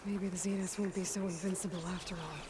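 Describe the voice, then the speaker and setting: Actress as terse, determined warrior heroine. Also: female voice, fairly low pitch, steady tone, fast talker, heavy background noise, lightly acted. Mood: resolute. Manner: terse, resolute. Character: determined, guarded young woman warrior heroine. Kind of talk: video game voice acting. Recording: loud game music behind.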